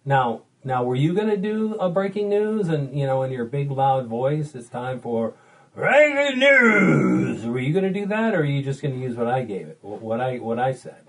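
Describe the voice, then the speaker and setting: A man's voice: medium pitch, animated, a little fast, few pauses, mellow, low-quality recording. A man co-hosting a comedic podcast, easygoing and a bit hesitant in his banter. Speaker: podcast co-host.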